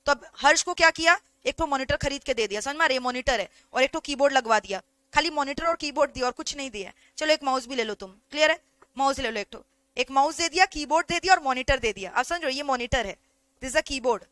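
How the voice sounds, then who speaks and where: Chatty Indian woman teacher, bright high voice. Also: dry recording. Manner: chatty, keeps asking if students follow. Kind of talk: online lecture.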